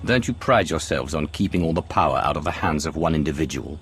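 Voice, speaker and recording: Very deep, haughty Sith lord. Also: male voice, lively intonation, a bit bright, soft background music. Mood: cool, pensive. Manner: measured, formal, superior. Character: haughty, composed male Sith lord, cool and commanding. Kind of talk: scripted video game drama acting.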